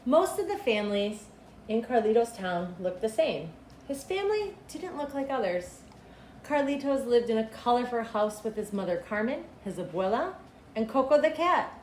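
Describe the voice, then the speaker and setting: With a fairly high pitch, a middle-aged woman, the school's principal, gives an expressive, carefully paced storybook reading for children. The camera recording her stands a couple of meters back in a small indoor cinderblock schoolroom. Echo fills the room and background noise comes through clearly.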